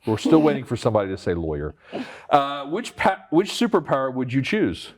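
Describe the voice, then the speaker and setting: A man hosting an interview, firing off quick lightning-round questions in a playful, teasing way. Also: mid-range voice, huge pitch swings. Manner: playful, teasing, laughs often. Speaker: interview host.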